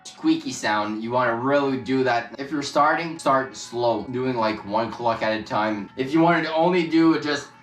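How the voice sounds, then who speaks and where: A man's voice: medium pitch, moderate pace, a little hiss or hum. A man co-hosting a casual tutorial, giving plain, informal hands-on instruction. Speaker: co-host demonstrating goose calls. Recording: distant mic, echoey, clear music behind.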